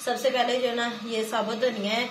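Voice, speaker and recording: In an echoey small room with clear background noise, a village vlogger from Pakistan sits on a floor mat and chats through her cooking one step at a time. She has a Pakistani Urdu accent and a high-leaning voice with little pitch movement, speaks fairly quickly, and often says "jo hai na."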